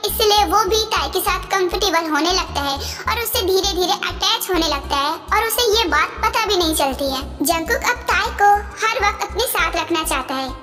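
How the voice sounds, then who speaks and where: A woman narrating a fan story in a plain, even way. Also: very high-pitched. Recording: soft music behind.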